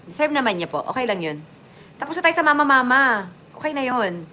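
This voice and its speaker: A woman's voice: fairly quick, a little hiss or hum. A woman chatting casually to her viewers as a vlogger, joking and swinging her voice up and down. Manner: chatty, lively swings in pitch and loudness, joking asides.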